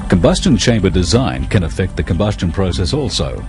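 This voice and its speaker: Over background music, a man reads scripted technical narration for an educational film. His low-pitched, sing-song delivery stays measured, explanatory and impersonal.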